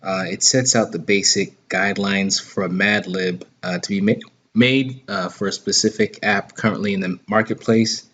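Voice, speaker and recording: A man's voice: on the low side, fairly even intonation, normal speed, a bit bright. A man giving a casual tutorial for writers, hesitant and full of ums, uhs and restarts, speaking while he has the hiccups. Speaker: app owner giving a tutorial. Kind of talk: screen-recorded tutorial.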